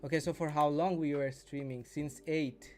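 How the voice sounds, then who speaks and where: With faint music in the background, a day trading mentor in his 20s speaks at a moderate pace in a fairly high, steady, slightly mellow voice. He's hosting a casual live stream, chatting with viewers and teaching, restating things as he goes.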